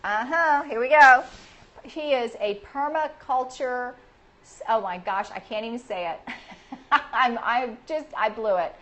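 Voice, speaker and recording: A woman's voice: on the high side, unhurried, a bit bright. Bubbly woman hosting a livestream. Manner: bubbly, cheers viewers with frequent squealed yays. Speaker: livestream host. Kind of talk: casual livestream chat.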